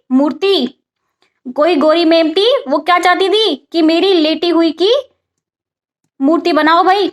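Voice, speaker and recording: A woman teaching English vocabulary in a casual spoken lesson, asking and answering her own questions. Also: very high voice. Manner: mixes English vocabulary into Hindi explanation.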